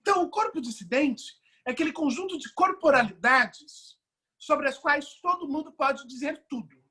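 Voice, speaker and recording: A woman's voice: sits high, animated, normal speed, bright, forceful tone. A woman with a Brazilian Portuguese accent giving an online course lecture, reflective and questioning, often adding tag questions as she reasons aloud.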